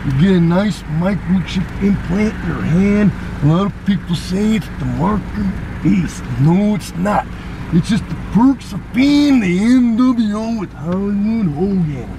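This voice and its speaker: Manic, high-pitched Macho Man wrestler. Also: lively intonation, gravelly, noisy background, full character voice. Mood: manic, boastful. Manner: boastful drawn-out catchphrases with whoops. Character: flamboyant, manic macho pro wrestler hyping himself. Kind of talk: in-character drive-thru prank. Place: inside a car at a drive-thru window.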